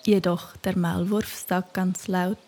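Woman reading a children's rhyming tale; airy, half-whispered, unhurried. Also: on the low side, little pitch movement. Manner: soft, breathy, half-whispered storytelling. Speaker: narrator.

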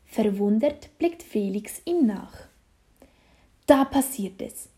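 A woman reading a children's story aloud, slow and deliberate. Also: mid-range voice, lively intonation, dark tone.

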